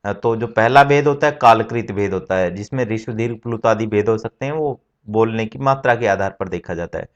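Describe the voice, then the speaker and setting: A man's voice: fairly low pitch, brisk, hardly any pauses. A man teaching Sanskrit grammar in an explanatory lecture, counting off terms one by one in a methodical way. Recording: dull lo-fi recording.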